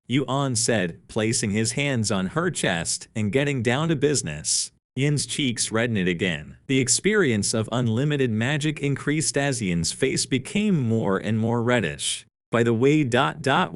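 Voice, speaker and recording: Male recap narrator, animated intonation, dry close sound. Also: medium pitch, no echo. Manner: reads quoted lines the same as the narration, with no put-on voices. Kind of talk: flat read-aloud story recap.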